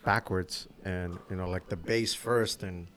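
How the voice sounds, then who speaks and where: A man with a lowish voice hosts a casual podcast chat. He is a barber who tells shop stories, swears freely and acts out the quotes with lively energy. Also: unhurried, slight background noise. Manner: swears freely, animated storytelling with acted quotes. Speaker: podcast host.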